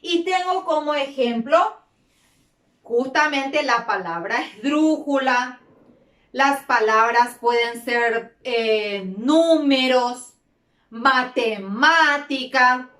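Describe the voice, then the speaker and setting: A woman's voice: high voice, slow pace, a bit bright. A woman teaching a grammar lesson to children, repeating key words and stretching words out. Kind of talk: slow, deliberate classroom lesson. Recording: roomy echo.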